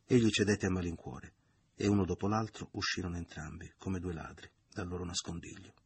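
A man reads a novel aloud in a measured, literary audiobook style. His voice is low and deeply husky. The sound is dry and close, with no room around it. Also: steady tone, dry recording. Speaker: narrator.

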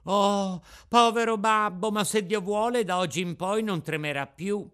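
A man voicing an eager, boastful boy puppet in an audiobook, with an excited, raised voice. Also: high-pitched, a little slow, voice pushed up. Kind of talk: audiobook character voice.

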